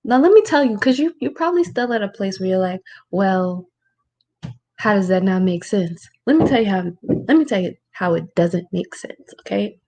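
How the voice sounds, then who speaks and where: Woman talking low at home. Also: lively intonation, a little fast, mellow. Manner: informal, rhetorical, keeps asking "right?"; keeps her voice lowered. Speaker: spiritual teacher hosting a Q&A. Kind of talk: casual livestream talk with Q&A. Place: room at home.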